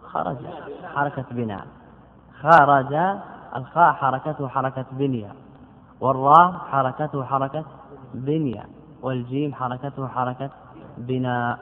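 A man's voice: medium pitch, steady tone, moderate pace, pauses often. A man teaching a classical grammar lesson, explaining step by step, repeating key words and asking and answering his own questions. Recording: tinny lo-fi recording with long hall reverb.

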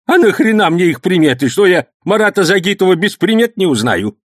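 High, shrill old village uncle in an audiobook, excitable and quarrelsome, whining and indignant, pitch leaping all over, in a dry, close sound. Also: male voice, brisk, no room sound.

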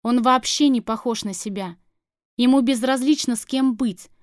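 A grim, stubborn man with a shaved head, read by a woman narrator in her own fairly high voice. He talks flatly, firmly and bluntly. The recording is dry and close. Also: normal speed, no room sound, natural voice. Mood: bitter. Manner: flat, firm and blunt. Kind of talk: audiobook character reading.

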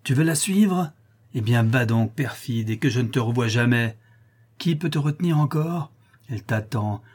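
A man's voice: mid-range voice, a little mellow, natural voice. A man reading aloud, voicing a jealous, furious young countess with an imperious, scolding manner.

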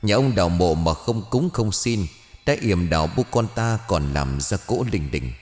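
Vengeful ghost of a wronged mother, bitter, voiced by a male narrator, lively intonation. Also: low voice, moderate pace, soft background music. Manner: bitter, grinding.

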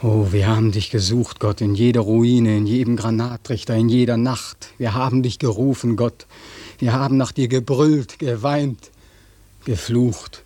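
A bitter young war veteran in a radio play, acted by a man, accusing and mocking, sometimes whispering. His voice is dark and husky, recorded close and dry. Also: mid-range voice, fairly even intonation, normal speed, no echo, lightly acted.

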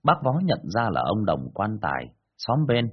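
A man narrating a ghost story in a dramatic, animated storytelling manner. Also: fairly low pitch, moderate pace, husky, narrow, tinny audio.

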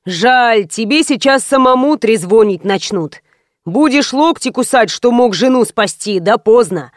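Женщина читает спокойного странного папеньку-провидца. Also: female voice, on the high side, unhurried, no echo, clean studio sound. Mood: calm. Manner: calm, ominous warnings. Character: odd calm elderly father, uncanny seer.

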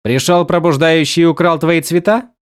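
A man's voice: fairly high pitch, steady tone, normal speed, no echo, clean studio sound, pitched above the performer's own voice, lightly acted. Brief: man playing a stocky, bossy woman mercenary, blunt and grumbling. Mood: mocking.

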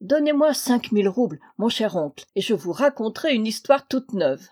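A charming young rogue of a nephew who coaxes and flatters his rich uncle, as a woman reads him in an audiobook. His voice sounds mellow and warm, lifted with eager charm. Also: fairly high pitch, normal speed. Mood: wheedling. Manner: wheedling, coaxing. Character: charming, roguish young male diplomat nephew. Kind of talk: audiobook reading.

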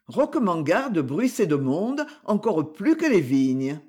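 Male narrator, high voice with a lively range, measured literary audiobook reading. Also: slightly rough.

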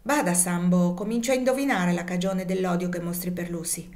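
A woman's voice: fairly low pitch, steady tone, fairly quick, close to an everyday voice. Legree, a brutal plantation master, as a woman puts him on. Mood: menacing. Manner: harsh, shouting, scornful. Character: cruel brutal male plantation master, middle-aged.

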